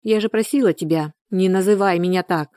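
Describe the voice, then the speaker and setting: A woman's voice: lowish voice, brisk, mellow, no echo, clean studio sound, close to an everyday voice. Woman doing a snappy nervous young woman. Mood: annoyed. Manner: reproachful, snappy.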